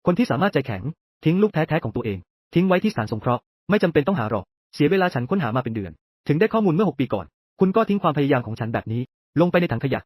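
Cold rich boss in a drama dub, scornful and clipped, pitch a bit high and all over the place. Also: male voice, big pitch swings, racing, dry recording. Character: cold wealthy male CEO, curt and proud. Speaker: voice actor dubbing a drama. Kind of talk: dubbed drama dialogue.

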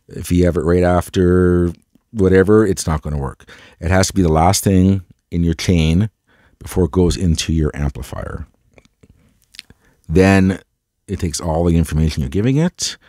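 Low voiced guy w a stuffed up cold, chatty rambly hi-fi vlogger, dry sound. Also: warm tone, no room sound. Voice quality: stuffed-up, congested. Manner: rambling, enthusiastic, self-deprecating. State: has a cold. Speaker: host of a hi-fi audio gear tour video. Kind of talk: casual chat to camera.

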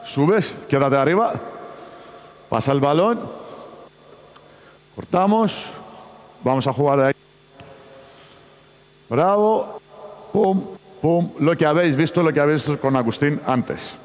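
In an echoey sports hall inside a big basketball arena, a man with a fairly high, expressive voice speaks a little slowly, pausing often, with a little hiss or hum. Not a native Spanish speaker, he runs a coaching clinic, giving choppy instructions and shouting to players on court.

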